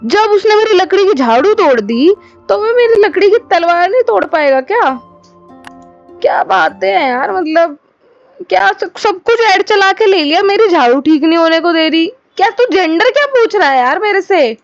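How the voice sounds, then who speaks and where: A woman's voice: expressive, moderate pace, no room sound. A woman giving comedic gameplay commentary, exclaiming and hurling dramatic threats at game enemies in repeated bursts. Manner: high-energy, exclaiming and repeating phrases. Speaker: gaming commentator. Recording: slightly dull audio with faint game music behind.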